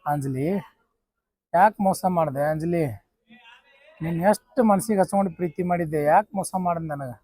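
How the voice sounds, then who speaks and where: A man's voice: fairly high pitch, moderate pace, pauses often, warm tone, husky, no room sound. A man with a North Karnataka Kannada accent playing a drunk, heartbroken young lover, pleading and self-pitying. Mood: despairing, pleading. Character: jilted young man drinking away heartbreak. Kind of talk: short film acting.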